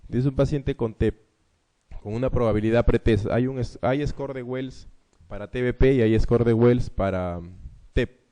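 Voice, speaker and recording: A man's voice: medium pitch, moderate pace, warm tone. A man with a Peruvian Spanish accent giving an exam review lecture on cardiology, explaining each question and often tagging his points with a rhetorical "¿no?". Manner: explanatory, frequent rhetorical "¿no?" tags. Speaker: medical lecturer.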